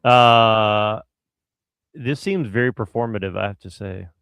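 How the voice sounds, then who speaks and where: A man with a lowish, creaky voice offers casual reaction commentary. He muses and hesitates, recorded close and dry. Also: lively intonation, fairly quick, no room sound.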